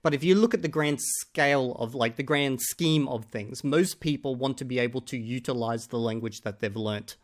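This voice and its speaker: A man with a medium-pitched voice reacts to another creator's video, offering casual, argumentative commentary. He often pauses on "okay?" to hammer his points home.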